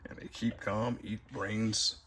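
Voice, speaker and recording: A man's voice: lowish voice, flat delivery, slow pace, a bit bright, husky. A man giving a casual, rambling tour of his movie collection, with audible heavy breathing. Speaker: video collector showing his shelves.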